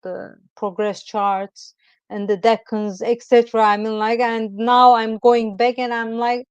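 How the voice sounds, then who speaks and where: A woman's voice: a little high, flat delivery, unhurried, clean tone, no echo. A middle-aged woman from Turkey with a Turkish accent, a guest astrologer chatting over a video call in a hesitant, rambling way full of "I mean, like.". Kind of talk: casual interview chat. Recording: dull lo-fi sound.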